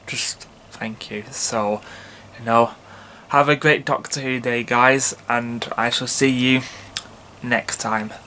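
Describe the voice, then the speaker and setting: A man's voice: medium pitch, bright, forceful tone. An earnest young man in his early twenties talks straight to his viewers. His delivery rambles, is packed with "you know" fillers and false starts, and sounds sincerely enthusiastic. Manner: earnest, heartfelt fan enthusiasm. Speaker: vlogger, channel host. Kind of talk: casual fan vlog chat.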